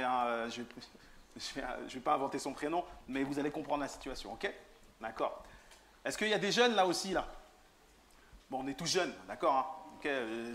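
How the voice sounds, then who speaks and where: A man's voice: mid-range voice, fairly bright tone, a little hiss or hum. A man giving an informal sermon in church, joking, teasing and quizzing the young people in the pews. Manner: joking, teasing, questions the audience. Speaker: lay preacher. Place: church hall.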